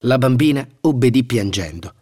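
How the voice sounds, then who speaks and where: A man reads a fairy tale aloud in an expressive storytelling voice. His pitch moves a lot, and his voice is slightly husky. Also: moderate pace. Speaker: narrator. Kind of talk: scripted storybook narration.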